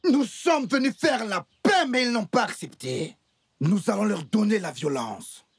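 An actor dubbing a menacing young gang enforcer in a film, raspy and threatening. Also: male voice, high voice, expressive, measured pace, dry recording, studio quality, heavily acted. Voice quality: raspy, gravelly. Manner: threatening, pleading, with sudden shouts. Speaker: son of the gang matriarch. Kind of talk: dubbed film dialogue.

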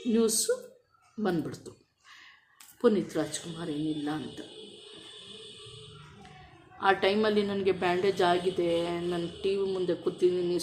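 A woman's voice: on the low side, a little hiss or hum. A woman tells a personal story in a vlog and speaks with open feeling. She keeps asking rhetorical questions as she talks. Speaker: vlogger.

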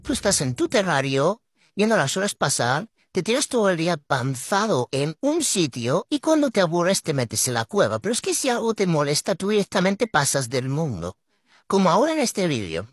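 A vlogger addresses the camera while scolding a pet, sounding exasperated and theatrically put-upon, their voice run through a filter that flips its apparent gender. Delivery is very animated at a normal speed, medium in pitch with a breathy edge. The audio is clean, studio-grade, and free of any room sound.

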